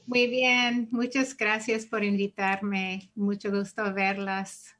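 A woman from the United States, an author and activist, answering interview questions gently and searching for words. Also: medium pitch, little pitch movement, slow. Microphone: video call.

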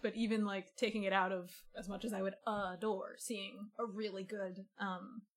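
A woman's voice: medium pitch, flat delivery, normal speed. Earnest woman hosting a podcast. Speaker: podcast host. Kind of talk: conversational history podcast with sign-off to listeners.

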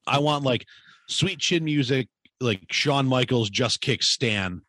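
A man's voice: mid-range voice, slow pace, sharp tone, no room sound. A man chatting casually on a podcast, rambling and joking crudely.

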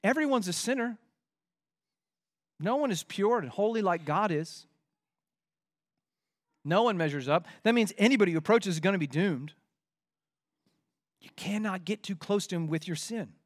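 A man preaching a sermon, emphatic, slowing for quoted scripture and dropping quiet for weighty points. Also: high voice, animated, dry recording, studio quality. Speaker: pastor.

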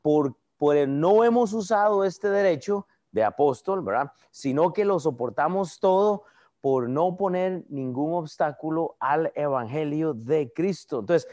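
A man's voice: on the high side, lively intonation, unhurried, warm tone, highs cut off. A man teaching a Bible class in a loose, conversational way, often checking with listeners and repeating himself. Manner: conversational, asks "¿verdad?" often, repeats words.

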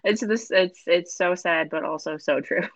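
A woman's voice: on the low side, normal speed, no room sound, muffled recording. A young woman in her twenties, a law student guesting on a podcast, speaking with dry, wry understatement. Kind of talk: casual podcast chat.

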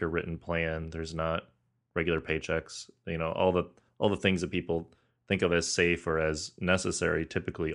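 A man hosting an interview, asking measured, thoughtful questions. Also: low voice, a bit bright.

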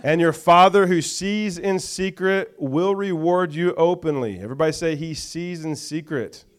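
A man's voice: fairly high pitch, moderate pace, smooth. A man preaching a sermon to a church, reading scripture with call-and-response and chatty asides. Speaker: pastor.

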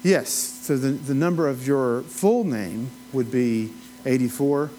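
A man's voice: medium pitch, takes it slowly, mellow. A man with an Appalachian accent teaching a Bible study in a conversational, folksy way, with rambling asides and questions to his listeners. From Appalachia, United States. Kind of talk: informal teaching, conversational lecture.

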